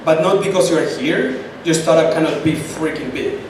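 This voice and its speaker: At a startup event, a Chilean Spanish-accented guest with a fairly high voice answers questions at a normal pace. He speaks emphatically, repeating points for stress, and the audio comes from a distant, echoey room with noise.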